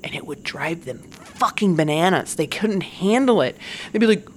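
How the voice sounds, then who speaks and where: A woman's voice: on the low side, lively intonation, moderate pace, a little hiss or hum. A woman comedian in her forties, talking in a candid, profane casual monologue and laughing now and then. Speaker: stand-up comedian.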